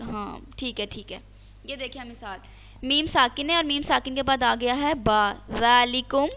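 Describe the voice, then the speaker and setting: A woman's voice: high-pitched, vocal fry, fairly bright tone. A woman teaching an online Quran recitation lesson, patiently repeating the rules and checking that her student understands. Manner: chants Arabic examples slowly.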